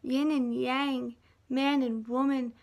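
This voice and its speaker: Speaking from a half-unpacked house, a woman delivers a rambling, emotional monologue to her viewers, sometimes sinking to a soft hush. Her voice is high, her delivery flat and slow.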